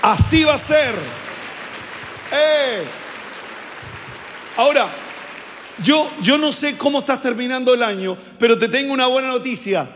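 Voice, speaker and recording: A man's voice: very high voice, a little slow, long pauses, fairly bright tone, some chatter behind. An older man preaching a sermon as pastor, leading call-and-response with his congregation in a church sanctuary. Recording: long hall reverb from a church sanctuary.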